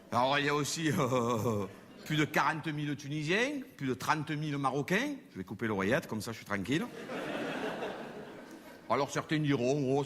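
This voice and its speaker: A man's voice: fairly high pitch, background noise. A man doing stand-up, chatty and mock-serious on a live stage. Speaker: stand-up comedian. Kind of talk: stand-up comedy. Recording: live hall reverb, faint audience.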